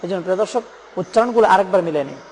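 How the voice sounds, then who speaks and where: Bangladeshi guy, high voice, teaching quran letters slow and patient, echoey hall. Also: darkish tone, slight background noise. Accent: Bangladeshi Bengali. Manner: patient, repeats letter names slowly for learners. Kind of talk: step-by-step pronunciation lesson.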